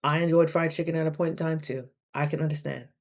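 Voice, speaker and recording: A woman in her thirties with a slightly low voice, chatting to her camera in a loose, animated storytelling style. She keeps playing out both sides of a conversation as she goes. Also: fast talker. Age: 30s. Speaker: vlogger.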